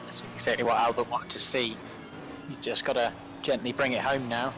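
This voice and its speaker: A man's voice: mid-range voice, fairly even intonation, fairly quick, music in the background. A man giving live motorsport commentary on a sim race, describing each move in detail.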